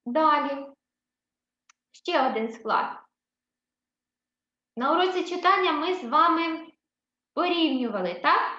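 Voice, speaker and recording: A woman teaching a first-grade writing lesson with a Ukrainian accent, speaking slowly and patiently and praising the children often. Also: sits high, bright, forceful tone. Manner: encouraging, often asks "так?" and praises the children. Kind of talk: slow, patient classroom instruction. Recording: roomy, slightly dull recording.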